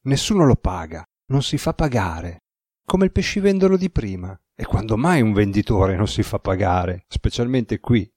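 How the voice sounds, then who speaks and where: A man's voice: fairly low pitch, lively intonation, normal speed, a little mellow, no echo, studio quality. A man voicing a wry, restless young man who makes sardonic asides. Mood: amazed.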